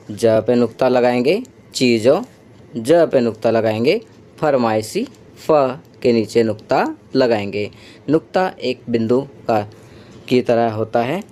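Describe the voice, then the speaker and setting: A male teacher, patient and slow, taking children through a worksheet step by step. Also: medium pitch, a little mellow.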